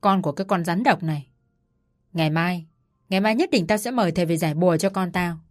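A woman voicing a furious old mother-in-law who shouts coarse insults, with soft music behind. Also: on the low side, quick pace, lightly acted. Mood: furious scolding.

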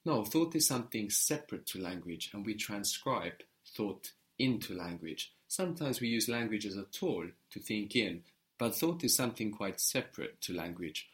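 A man teaching a language lesson, patiently explaining and drilling words slowly with a student. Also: on the low side.

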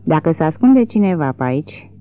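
Someone reading as a sly guy digging for treasure at night, hushed and urgent, sounds tinny like a phone. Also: mid-range voice, big pitch swings, dry recording, close to an everyday voice. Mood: whispering. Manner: urgent whispers. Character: shrewd man leading a night treasure dig.

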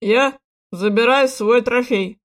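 A woman voicing an arrogant young male prince who speaks loudly and mockingly in an audiobook. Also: a little high, moderate pace, close to an everyday voice. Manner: loud, sneering, clipped commands.

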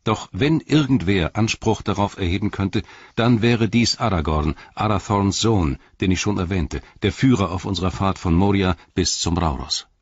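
A man's voice: deep voice, moderate pace, husky, no room sound, highs cut off. A man reading an audiobook who voices an earnest, proud young male hobbit, defensive under questioning.

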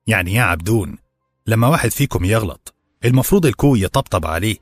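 A man's voice: on the low side, lively intonation, fast, no echo, studio quality, faint music behind, voice pushed up. A man doing a stern, patronizing older servant. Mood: lecturing. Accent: Egyptian Arabic.

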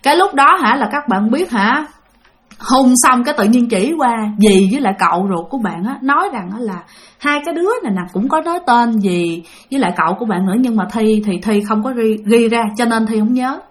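A woman's voice: a little high, expressive, brisk. A woman with a Southern Vietnamese accent telling a ghost story in a chatty way, full of fillers and asides to her listeners. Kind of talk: casual spooky storytelling.

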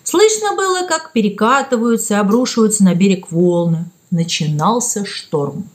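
A woman narrating a children's story in an expressive storytelling manner. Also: medium pitch, moderate pace. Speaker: reader.

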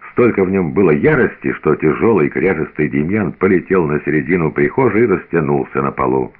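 A man reading a novel aloud with expressive, theatrical narration, on a tinny old radio recording. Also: extremely low pitch, breathy edge. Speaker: reader.

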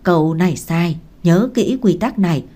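A woman's voice: fairly low pitch, normal speed, mellow, close to an everyday voice. A woman reading the lines of a composed young male scholar in a storybook, patient and firm as he tutors. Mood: instructive.

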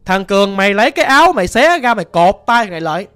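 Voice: medium pitch, very animated, fast talker, a bit bright, smooth. A bold, blunt spirit master with a mocking edge, as a storyteller puts him on, speaking. He talks in plain, confident bursts. Faint music runs behind him. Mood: commanding.

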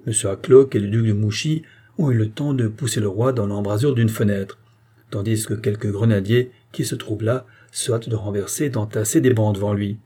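A man narrating a historical novel as an audiobook in a steady, measured storytelling voice. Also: lowish voice, husky.

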